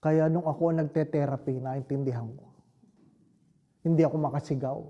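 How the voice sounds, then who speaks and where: A man with a Filipino accent, a priest giving a homily, telling a story slowly and reflectively and often turning to the listeners with rhetorical questions. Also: a little high, steady tone, mellow, muffled recording. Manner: slow, reflective storytelling with frequent rhetorical asides.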